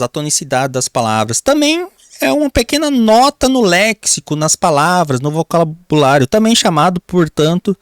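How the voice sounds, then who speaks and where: A man with a Brazilian accent teaching a grammar lesson for an exam, often calling the class "pessoal" and drawing out key words slowly while he writes on a board. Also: a little high, clean tone, dry recording, clean studio sound. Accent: Brazilian Portuguese. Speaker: Portuguese teacher.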